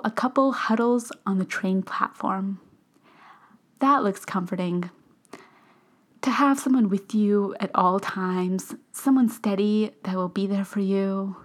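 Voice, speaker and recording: A woman reading a first-person story aloud, often slipping into a soft whisper. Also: mid-range voice. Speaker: narrator.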